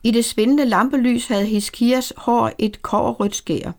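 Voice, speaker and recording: A woman narrating a story aloud in a calm, measured way. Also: fairly high pitch. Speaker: audiobook narrator. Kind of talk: scripted narration.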